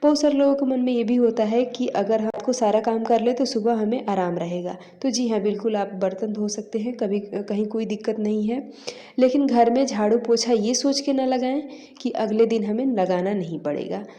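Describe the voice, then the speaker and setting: A woman's voice: on the high side, normal speed, warm tone. A woman vlogger giving household advice to her viewers in a casual, instructive way, calling them friends.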